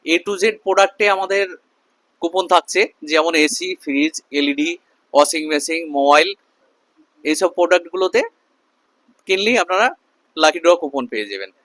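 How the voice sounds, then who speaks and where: A man giving an emphatic, repetitive sales pitch as a shopkeeper in a promotional video. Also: expressive, normal speed, long pauses, a bit bright, no room sound, poor audio. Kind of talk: sales pitch to camera with customer chat.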